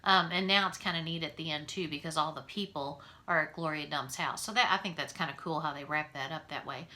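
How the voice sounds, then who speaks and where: A woman reading a children's novel aloud and then talking about it in a relaxed way, with fillers. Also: deep voice, brisk.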